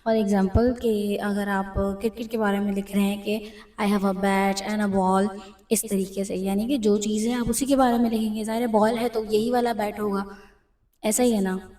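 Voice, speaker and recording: A woman's voice: medium pitch, fairly even intonation, normal speed, mellow. A woman teacher with an Urdu accent, patiently explaining an English grammar lesson, repeating key points and mixing English terms into her talk. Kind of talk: explaining a lesson over slides. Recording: roomy, distant mic.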